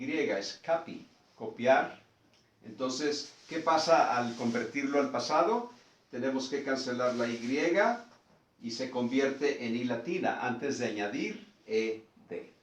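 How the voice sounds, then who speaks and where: Slow, patient male teacher in a roomy space. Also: mid-range voice, distant mic, a little hiss or hum. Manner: slow, patient, repeats words for practice. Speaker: English teacher. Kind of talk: explaining a lesson.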